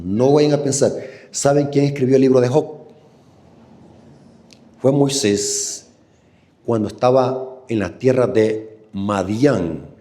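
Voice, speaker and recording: A man with a Salvadoran Spanish accent delivering a sermon in a mellow, warm voice. He is animated and keeps turning to the congregation with questions. His pitch sits in the middle of the male range. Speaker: preacher.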